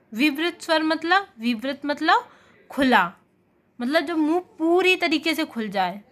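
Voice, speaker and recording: Woman teacher w/ a high bright voice drilling hindi vowels, asks then answers herself. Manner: repeats points as questions and answers them herself; demonstrates vowel sounds slowly and loudly. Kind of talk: exam-prep lesson.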